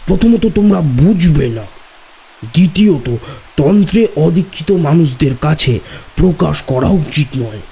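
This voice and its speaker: An actor playing a tantric who tells his tale in a slow, grave, measured manner, in an audio horror drama. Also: a little high, vocal fry, full character voice. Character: gruff older male tantric storyteller. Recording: music and crickets behind.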